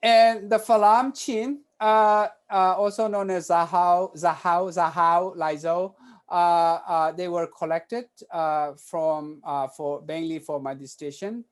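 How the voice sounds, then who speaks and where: A man giving an academic conference talk, halting and filling pauses with many "uh" sounds. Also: high voice, steady tone, smooth. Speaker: conference presenter.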